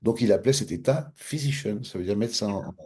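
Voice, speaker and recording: A man's voice: fairly low pitch, a little fast, husky. A man from France with a French accent, telling a personal story in an interview and acting out past conversations. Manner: animated, acts out both sides of past dialogues. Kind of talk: casual storytelling.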